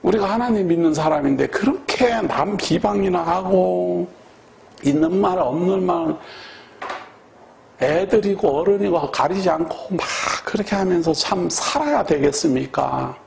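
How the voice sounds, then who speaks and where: This man's voice is high-pitched with vocal fry. Preaching as a pastor, he's emphatic yet conversational, stressing key words through repetition and questioning the congregation.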